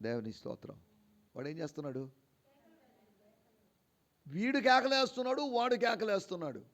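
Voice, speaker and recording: A male pastor preaching an animated sermon at a church service. He fires rhetorical questions at the congregation and swings between low quiet asides and raised, emphatic declarations. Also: moderate pace.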